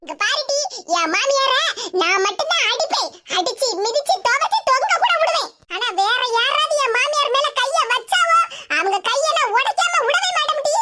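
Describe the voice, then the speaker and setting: A feisty cartoon daughter-in-law, as a woman puts her on, combative and threatening. Her voice is very high and thin. Heavy hiss and clicks sit behind it. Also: animated, normal speed.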